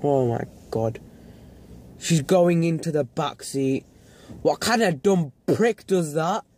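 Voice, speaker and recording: A man's voice: a little high, expressive, slow, darkish tone, slight background noise. A young man vlogging a ranting commentary, swearing a lot and mimicking the people he watches in exasperated tones. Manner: exasperated, swearing, mocking put-on voices.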